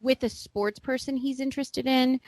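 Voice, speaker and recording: A woman's voice: sits high, steady tone, moderate pace, darkish tone, no echo. A woman co-hosting a casual podcast discussion, emphatic and opinionated. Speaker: podcast co-host.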